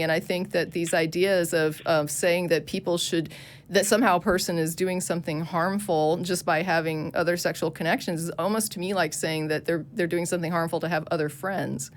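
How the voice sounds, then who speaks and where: A woman co-hosting a call-in show, arguing her view in a quick, earnest manner with many restarts. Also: lowish voice, slight background noise. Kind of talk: casual call-in debate.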